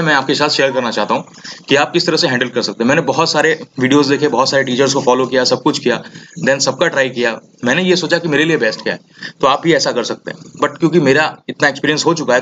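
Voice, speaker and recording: A young man tutoring exam students in a casual, energetic way, often checking in with "theek hai". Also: mid-range voice, quick pace, slight background noise. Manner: energetic, repeats "ठीक है" often. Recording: slightly dull lo-fi audio.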